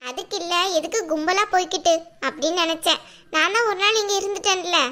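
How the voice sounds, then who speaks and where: A woman's voice: very high voice, fairly even intonation, fairly quick, pushed and bright. A woman voicing a touchy young elder sister in a cartoon, defensive and snappish.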